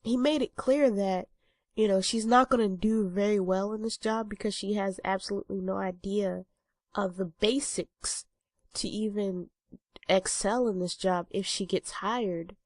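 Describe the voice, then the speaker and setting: A vlogger in her twenties, nose clogged, chats to her audience in a relaxed talking-head vlog, rambling with lots of ums and uhs. She has a mid-range voice with a steady, darkish tone and an unhurried pace, captured in a dry recording.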